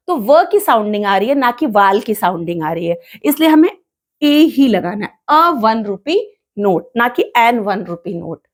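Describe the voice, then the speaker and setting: A woman teaching grammar in a classroom style. She drills each word slowly and answers her own questions. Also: high voice. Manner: repeats words slowly to drill pronunciation; asks questions and answers them herself. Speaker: English teacher.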